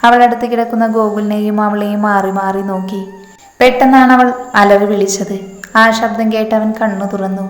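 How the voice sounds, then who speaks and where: Brief: female storyteller, flat steady narration, echoey room with long reverb. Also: medium pitch, moderate pace.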